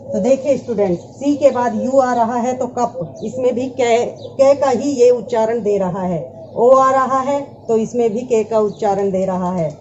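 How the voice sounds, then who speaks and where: A woman's voice: a little high, unhurried, a little mellow, dull audio, slight background noise. A woman teaching English pronunciation, patiently addressing her students and repeating each word. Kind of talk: classroom lesson explaining pronunciation.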